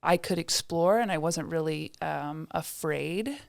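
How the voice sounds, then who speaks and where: On a podcast, an Indiana woman who works as a state development director chats casually, restarting often, using many fillers and laughing at herself. She speaks with a deep voice, a little slowly, with vocal fry, recorded cleanly in a studio with no echo.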